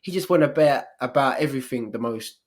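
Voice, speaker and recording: Guy on a podcast, blunt, lots of slang, normal pitch. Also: brisk. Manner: blunt, slangy, drops into mock voices. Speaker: podcast co-host. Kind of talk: casual chat.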